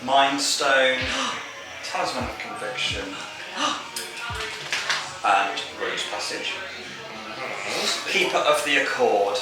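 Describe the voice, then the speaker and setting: Man, teasing card player, lively pitch; recorded far off in an echoey room with music. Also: very slow, pauses often. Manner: teasing, reads card text aloud. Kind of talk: casual game banter. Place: gaming lounge. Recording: roomy echo from far off, music behind.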